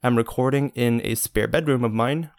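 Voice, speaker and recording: A man's voice: medium pitch, normal speed, dry recording, studio quality. A man co-hosting a podcast in casual, jokey chat, often correcting himself as he goes. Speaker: podcast co-host. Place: spare, near-empty bedroom in a beach house. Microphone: podcast microphone with pillows in front.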